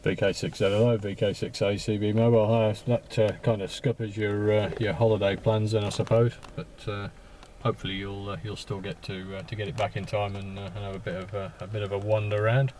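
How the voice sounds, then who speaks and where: A low, flat-voiced amateur radio operator hesitates and repeats words while chatting casually over the air using call signs. He's in a parked vehicle, and some background noise can be heard.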